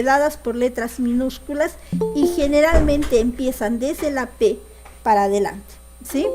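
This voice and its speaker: A woman's voice: high voice, a little mellow. A woman teaching a secondary school logic lesson, often checking that the class follows. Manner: asks the class frequent check questions.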